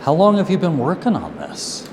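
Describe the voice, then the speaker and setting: A man's voice: a little high, wildly swooping pitch, darkish tone. A man interviewing a silo owner in a friendly, curious way, recorded inside a concrete underground chamber. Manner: friendly, curious, quick to laugh. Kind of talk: casual interview questions. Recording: echoey concrete chamber, faint background noise.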